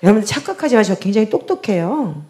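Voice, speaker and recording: Lively storytelling woman pastor. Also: mid-range voice, fast talker. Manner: animated storytelling, acting out the other voices. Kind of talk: testimony during a prayer service.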